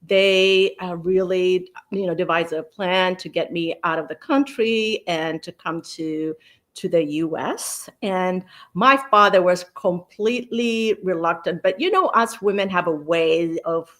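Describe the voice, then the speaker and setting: A woman, telling her story at a measured pace as an interview guest. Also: fairly low pitch, a bit bright. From Ethiopia. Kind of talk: interview conversation.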